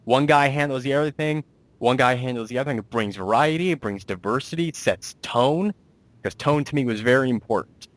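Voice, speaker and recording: A man of medium pitch talks fairly quickly, with no echo, as interviewer and director of an amateur audio drama. In this casual interview he wanders through his explanations and rephrases himself.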